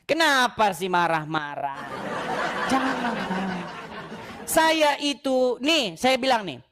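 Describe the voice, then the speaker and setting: A woman hosting a livestream debate, speaking in a teasing, calmly provocative way with frequent laughs. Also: fairly high pitch.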